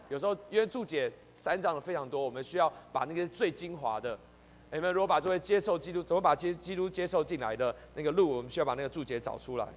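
Man, high voice, earnest Bible study teacher, repeats points, long hall reverb. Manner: earnest, repeats key points, calls the group to read along.

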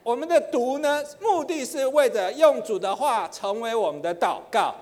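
A middle-aged man teaching in church, chatty with many fillers, slowing into chanted prayer. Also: extremely high pitch, animated, a little mellow. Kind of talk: sermon teaching. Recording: long hall reverb.

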